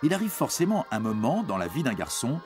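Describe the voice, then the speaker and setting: Reading scripted narration meant to teach young teens, a man speaks briskly in a medium-pitched, slightly mellow voice with huge pitch swings. Music plays underneath as he talks to the listener directly in a relaxed, reassuring manner.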